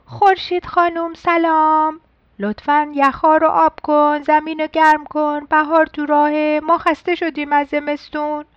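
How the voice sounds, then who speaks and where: A woman voicing a quick, noisy little tree creature that calls out excitedly. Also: high-pitched, dry recording, highs cut off, pitched above the performer's own voice, lightly acted. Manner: excited, loud calling.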